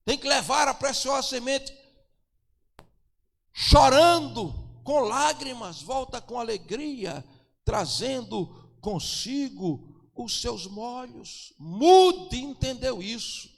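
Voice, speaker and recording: A man preaching as a pastor, moving from quiet storytelling to impassioned shouting, recorded in a church. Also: very high-pitched, animated, slow pace, gravelly, in a large hall. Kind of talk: sermon.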